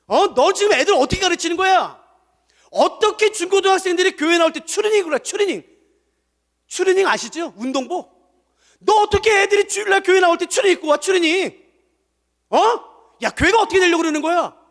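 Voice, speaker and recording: A preacher putting on an indignant old church elder, voice pushed high and loud, firing off rapid rebukes. Lively swinging pitch, with long hall reverb trailing each line. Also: male voice, full character voice. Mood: scolding. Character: stern old male church elder, scolding.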